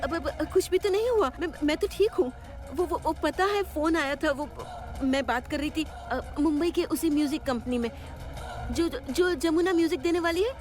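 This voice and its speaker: A frightened married woman stammers and repeats herself, played by an actress. Her voice sits high. A loud dramatic score plays under her lines in a TV serial. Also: normal speed, over music, lightly acted. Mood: flustered. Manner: stammering, repeating words in panic. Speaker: elder sister-in-law in a TV serial. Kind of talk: Hindi TV serial acting. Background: dramatic background score.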